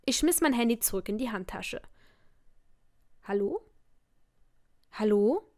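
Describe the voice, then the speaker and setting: A woman narrating a romance novel as an audiobook in the first person, with expressive storytelling. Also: fairly high pitch, quick pace, no echo, studio quality.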